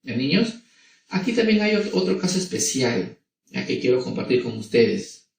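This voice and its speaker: A male primary school teacher with a Peruvian Spanish accent, explaining grammar to children slowly and repetitively, often checking in with them. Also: medium pitch, big pitch swings, vocal fry, a little mellow. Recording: echoey room, voice from a distance.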